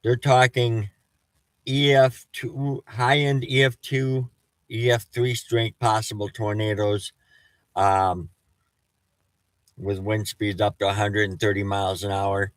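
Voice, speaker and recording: A man with a slightly low voice talks slowly through a casual storm-chasing weather update. His s sounds whistle from false teeth. He is halting, often restarting mid-thought, and the sound is dry with little room to it. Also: level tone, dry recording.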